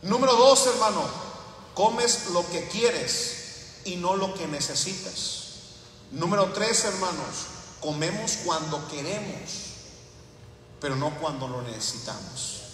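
Fervent high-voiced pastor. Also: male voice, lively intonation, slow, a bit bright, slight background noise. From Latin America. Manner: folksy storytelling, builds to fervent preaching. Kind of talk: sermon. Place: church sanctuary. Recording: echoey church hall, mic far off.

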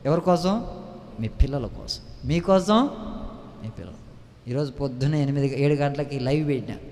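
A man's voice: medium pitch, moderate pace, darkish tone, in a large hall. A man preaching a fervent sermon, firing questions and calls at his congregation. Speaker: pastor. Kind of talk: impassioned sermon.

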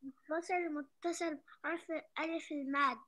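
A woman giving short, quiet answers in an online class. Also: high voice, fairly even intonation, moderate pace.

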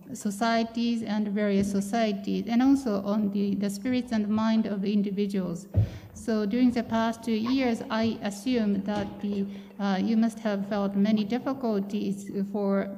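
A woman interpreting a speech into English, steady with filler pauses. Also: mid-range voice. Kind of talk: consecutive interpreting. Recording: reverberant hall.

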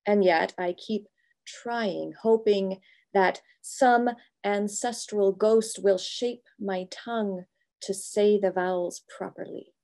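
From a home office with bookshelves, a middle-aged pastor addresses a video call with a reflective talk she has prepared. Her mid-range voice is creaky and darkish in tone, and she speaks in a measured, thoughtful way, pausing between phrases.

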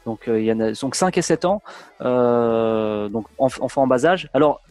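A man's voice: medium pitch, moderate pace, darkish tone. A man hosting a casual interview, chatty and full of restarts, giving practical advice to viewers. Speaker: host.

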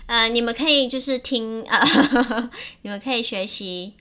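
A woman's voice: on the high side, a little slow, sharp tone. A woman from Taiwan co-hosting a casual podcast, speaking Taiwanese-accented Mandarin mixed with English words. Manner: cheerful, mixes Chinese with English words. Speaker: podcast co-host. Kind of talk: casual bilingual chat.

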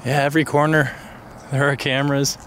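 A relaxed young man talks through what he sees as he explores, chatty and easygoing. He is recorded on a camera mic outdoors and in empty rooms, with a faint hiss of background noise. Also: mid-range voice, brisk. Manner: relaxed, chatty, narrates finds. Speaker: urban explorer host. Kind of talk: casual exploring chat. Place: abandoned housing complex, outdoors and in empty apartments.

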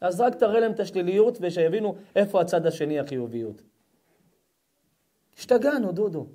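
A man giving an impassioned sermon as a rabbi, addressing the crowd directly and swinging between shouting and hushed sarcasm. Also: high voice, animated. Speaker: rabbi giving a public lecture.

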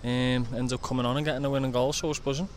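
A man's voice: medium pitch, little pitch movement, racing, slight background noise. A man in his twenties, a footballer, giving short plain answers outdoors into a handheld mic. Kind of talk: post-match interview. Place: outdoors by a training pitch.

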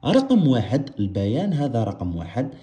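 A man's voice: medium pitch, wildly swooping pitch, a little fast, mellow, reverberant. A man with an Algerian Arabic accent teaching a biology lesson, asking his students questions and answering them himself while repeating the key terms. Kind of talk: explaining a science lesson.

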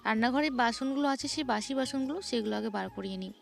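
Young woman, slightly high voice, chatty vlog narration, faint music under. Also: rapid-fire, vocal fry. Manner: chatty, describing chores as she goes. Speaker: vlogger.

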